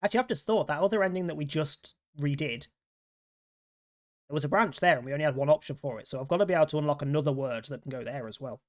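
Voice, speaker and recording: A man streaming a game, rambling casually and swearing freely as he chats. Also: on the high side. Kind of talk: casual gameplay commentary.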